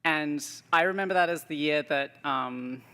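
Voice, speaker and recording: A man's voice: fairly high pitch, normal speed, pushed and bright, smooth. A man not from Canada giving a nervous, chatty acceptance speech full of fillers. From outside Canada. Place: banquet hall. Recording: reverberant hall.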